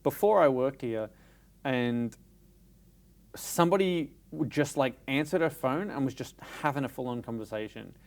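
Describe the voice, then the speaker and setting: An Australian man co-hosting a casual chat, emphatic and animated when telling stories. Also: medium pitch, normal speed. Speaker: podcast co-host. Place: cinema.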